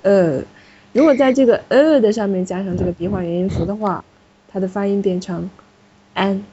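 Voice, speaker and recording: A woman's voice: medium pitch, fast, warm tone. A woman teaching French to a class in a classroom, explaining step by step and patiently correcting students. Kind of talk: classroom language lesson. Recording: muffled, slightly noisy classroom recording.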